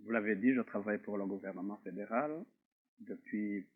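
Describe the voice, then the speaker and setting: A middle-aged man from Rwanda, an interview guest giving a measured, grave personal testimony with frequent pauses. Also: on the low side, slightly rough. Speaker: interview guest, author and survivor. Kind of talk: slow, reflective personal testimony. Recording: tinny phone-like sound.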